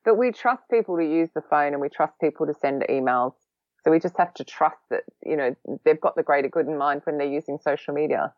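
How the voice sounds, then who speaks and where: A chatty Australian woman who has long lived in London appears as a guest on a casual podcast interview, where she is introduced as a social recruiting trainer. Quick-witted and a bit sarcastic, she has a low-pitched voice. The sound is dull and dry with no echo.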